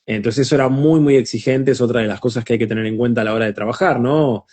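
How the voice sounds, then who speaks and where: A man's voice: mid-range voice, quick pace, a little mellow. A man being interviewed as a guest voice actor, talking in a reflective, casual way with frequent small restarts.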